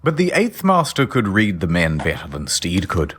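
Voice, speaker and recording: A man narrating a comedic history story in a dry, deadpan way, over background music. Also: low-pitched, normal speed, breathy edge.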